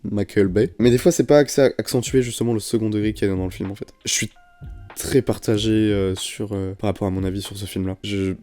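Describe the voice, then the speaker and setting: A man's voice: lowish voice, steady tone, brisk, warm tone, faint music behind. A young man, guest in a casual film debate, speaking hesitantly and searching for his opinion. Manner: hesitant, unsure, searching for words.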